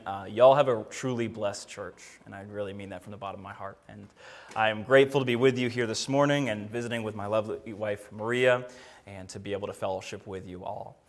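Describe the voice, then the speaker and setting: A man preaching a sermon and leading prayer at a pulpit microphone in a church, telling stories in an earnest way. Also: medium pitch. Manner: earnest, storytelling, rising energy in anecdotes. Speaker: guest preacher. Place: church sanctuary.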